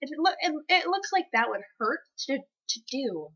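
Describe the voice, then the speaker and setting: A woman's voice: high voice, sing-song, moderate pace, a bit bright, lo-fi sound. A woman co-hosting a horror movie show, chatting through a film review as a horror host.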